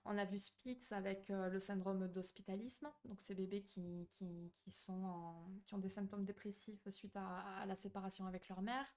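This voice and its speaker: A woman's voice: mid-range voice, steady tone, normal speed, hardly any pauses. Chatty woman streamer reading her chat. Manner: chatty, warm toward viewers, many fillers and restarts. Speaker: psychology streamer hosting a live. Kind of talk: casual live-stream talk, reading chat. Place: home streaming setup.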